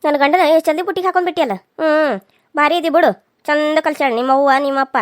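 A woman's voice: high voice, quick pace, close to an everyday voice. A woman voicing a jealous, taunting elder sister-in-law in a cartoon serial, with a North Karnataka Kannada accent. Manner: sharp, taunting.

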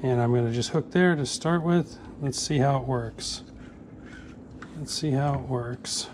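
A fishing tackle maker from Northeast Florida, a man in his forties, talks in a mid-range voice at a slightly slow pace over a noisy background. In his workshop he casually demonstrates a build step by step, plain and easygoing, with plenty of "uh"s.

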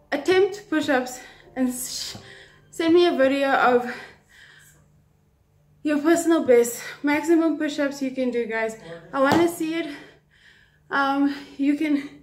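A woman's voice: high-pitched, a little hiss or hum. A young woman chatting casually to viewers as a fitness vlogger, recorded on a phone at home. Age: young adult. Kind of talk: casual vlog talk to viewers. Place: home living room with tiled floor. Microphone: phone at arm's length. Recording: echoey room.

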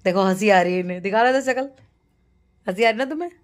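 A woman's voice: medium pitch, fast talker. A woman from Almora in Uttarakhand, chatting casually and playfully in a home vlog. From Almora, Uttarakhand, India. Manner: chatty and playful, coos in baby talk to her pet. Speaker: vlogger and housewife. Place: at home indoors.

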